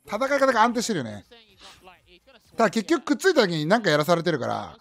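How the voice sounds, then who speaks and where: Animated higher-voiced man commentating a game. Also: fast, gravelly. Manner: clipped, repetitive short remarks. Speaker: livestream commentator. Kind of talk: running esports commentary, casual. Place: indoor room, streamer's desk.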